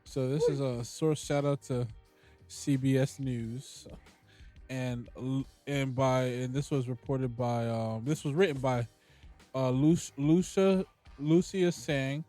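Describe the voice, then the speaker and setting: A man's voice: mid-range voice, fairly even intonation, slow, mellow, soft background music. A man co-hosting a podcast, reading a news story aloud in casual slang and stumbling over words. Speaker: podcast co-host.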